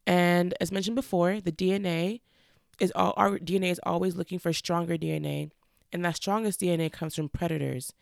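Brief: woman podcast host, congested with a cold, frank and deliberate, some vocal fry, dry close sound. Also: on the low side, fairly even intonation, dry recording. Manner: frank, earnest, slowed deliberate delivery. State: stuffy nose from a cold. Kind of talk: casual solo podcast monologue.

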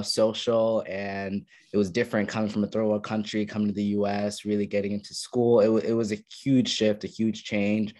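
This podcast guest is a young adult man from Ethiopia, recounting his story in a casual interview from his college dorm room, with frequent fillers. He has a fairly low pitch and a somewhat dark tone.

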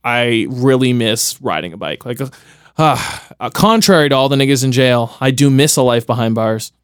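A young man co-hosting a podcast in casual chat, excitable and swearing, often restarting his sentences. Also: medium pitch, normal speed, clean tone, dry recording, studio quality. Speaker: podcast co-host.

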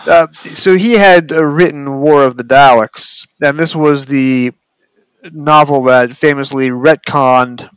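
A man's voice: a little high, fairly even intonation, slow, fairly bright tone, clean tone, dry recording, poor audio. An American man chatting casually as a podcast host. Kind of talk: casual interview chat.

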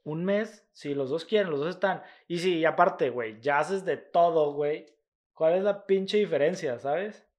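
A man's voice: a little high, unhurried. A young man with a Mexican accent, chatting casually and bluntly, full of slang and swearing. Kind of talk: casual chat.

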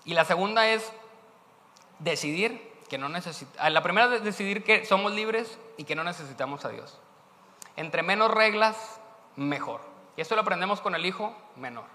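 A man's voice: high voice, lively intonation, moderate pace, pushed and bright. A man with a Mexican accent preaching a sermon in a casual, conversational way, often tagging questions. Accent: Mexican Spanish. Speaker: pastor. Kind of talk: sermon storytelling. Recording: echoey church hall.

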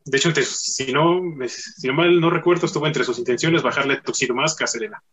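A man's voice: medium pitch, steady tone, a little fast, fairly bright tone, slight background noise, low-quality recording. A man hosting a casual podcast chat, joking and using many fillers. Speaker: podcast host.

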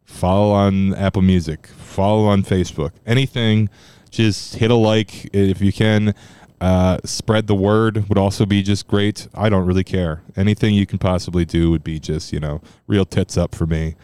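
A man hosting a casual solo podcast, rambling and loose with profanity, with a strong loud voice that can turn monotone. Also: low voice, moderate pace, smooth. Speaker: podcast host. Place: room at home.

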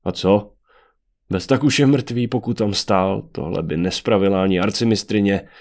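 A man's voice: fairly low pitch, darkish tone, close to an everyday voice. A man voicing a blunt, sardonic young male mage in a fantasy audiobook.

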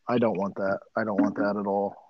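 A man's voice: on the low side, flat delivery, a little fast, muffled recording, over a noisy crowd. Laid-back mid-thirties "dude" guy. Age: 30s. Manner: laid-back, says "dude" a lot, gets worked up when teased. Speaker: podcast co-host. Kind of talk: casual chat.

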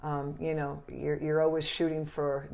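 A woman from southern Italy, a podcast guest and songwriter, talking in a measured, explanatory way with frequent fillers. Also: low voice, flat delivery, creaky, a little mellow. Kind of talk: casual interview chat.

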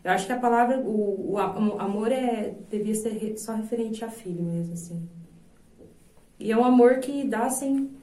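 A woman's voice: a little high, moderate pace, mellow. A Brazilian woman in her thirties, a singer and voice teacher, talking earnestly and reflectively in an interview, with lots of filler tags. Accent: Brazilian Portuguese. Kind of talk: casual interview chat. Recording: roomy sound from a distant mic.

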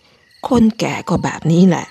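A woman doing a gentle, doting old lady on the phone. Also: measured pace, close to an everyday voice. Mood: fond. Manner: gentle, doting, softly teasing. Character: kindly, chatty elderly woman caller.

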